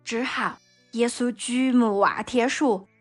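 A woman narrating a Bible story in a slow, gentle way and speaking directly to her listeners. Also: fairly high pitch, soft background music.

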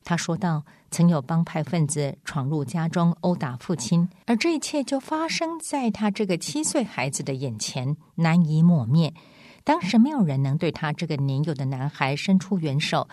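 Low-voiced woman reading calmly. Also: no room sound, studio quality. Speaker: narrator.

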